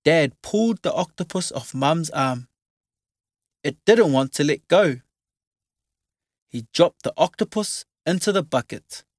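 Brief: expressive children's storybook narrator, slow pace, animated pitch. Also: no echo, studio quality.

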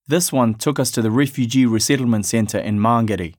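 A man's voice: mid-range voice, brisk, a little mellow, no echo. Reflective male storyteller, dry sound. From Afghanistan. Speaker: narrator. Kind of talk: storytelling narration.

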